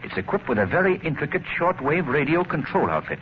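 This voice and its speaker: An actor playing a keen, assured gentleman sleuth, crisp and earnest, in an old radio drama. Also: a little high, sing-song, quick pace. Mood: grave, urgent. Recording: muffled, noisy vintage radio recording.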